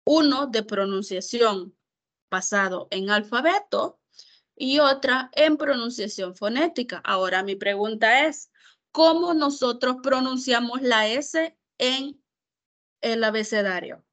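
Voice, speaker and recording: A woman teaching English in an online class, explaining slowly in Spanish and repeating English words to model how they sound. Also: fairly high pitch, fairly bright tone. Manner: slow, careful, repeats words to model pronunciation.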